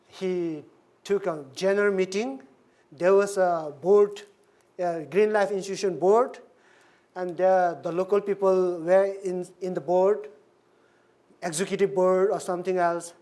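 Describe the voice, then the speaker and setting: A woman minister from Sikkim, India, giving a personal testimony talk, acting out dialogue with frequent laughs and halting restarts. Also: on the low side, dark tone. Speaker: Buddhist minister.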